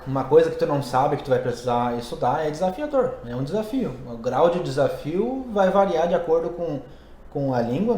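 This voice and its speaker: His fairly high, warm voice carries a casual podcast where he, a teacher of English and Portuguese, explains things conversationally while working them out aloud. The space adds a roomy echo.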